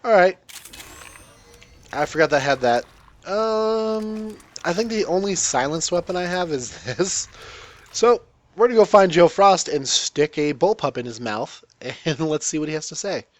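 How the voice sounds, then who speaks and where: A man's voice: on the high side, expressive, measured pace. A man hosting a let's play, giving casual gameplay commentary in a joking, rambling, irreverent way.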